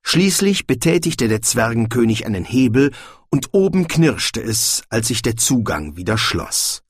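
Husky, lively male audiobook narrator. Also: mid-range voice, unhurried, no echo. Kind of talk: scripted storybook narration. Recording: dry, close audiobook recording.

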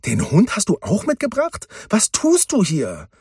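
Guy doing a worried dad, husky voice going up high, storybook read. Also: wildly swooping pitch, a little slow, darkish tone, no echo, clean studio sound, heavily acted. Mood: anxious. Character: worried father and farmer.

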